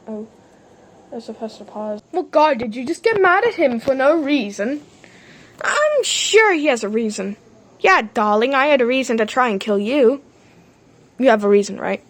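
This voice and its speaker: Lively high-voiced woman voicing toy trains. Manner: animated, jumps between silly character voices. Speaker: fan series voice actor. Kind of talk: playful homemade toy-train drama, doing every character.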